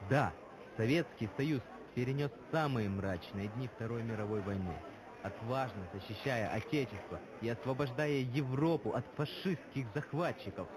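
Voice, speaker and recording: A man's voice: mid-range voice, moderate pace, crowd noise, natural voice. A man acting a fervent, grandiose patriot who longs for Soviet glory, declaiming solemnly in a scripted dramatic speech. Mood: wistful, reverent. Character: fervent Soviet-nostalgic Russian patriot orator, grandiose and menacing. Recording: clearly noisy background ambience.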